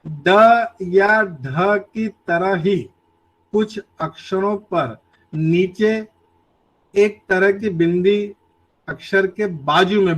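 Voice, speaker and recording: A man giving a lecture on grammar, slowly listing example words one by one. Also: high voice, highs cut off. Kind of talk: slow explanatory lecture.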